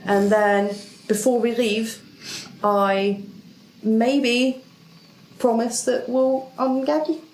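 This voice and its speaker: A woman's voice: fairly high pitch, fairly even intonation, very slow, pauses often, darkish tone. A woman chatting casually and playfully as a player in a tabletop role-playing game. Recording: roomy echo, faint background noise.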